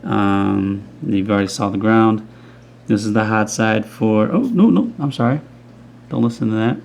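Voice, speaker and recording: Speaking at a moderate pace in a low-leaning, darkish voice with vocal fry, a man gives an improvised, casual tutorial on a speaker crossover build at an indoor workbench. He rambles with plenty of ums and restarts, recorded on the camera mic from behind the camera.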